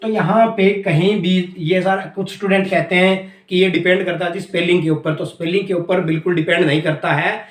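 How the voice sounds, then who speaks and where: A man's voice: sits high, reverberant. A man teaching English grammar in a classroom-style lesson, explaining step by step and often checking that students follow. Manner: explains step by step, keeps asking "clear?".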